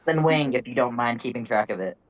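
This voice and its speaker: A man with a medium-pitched voice acts as game master. He narrates fantasy scenes descriptively and talks casually with the players at the table. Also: expressive, a little fast, highs cut off, slight background noise.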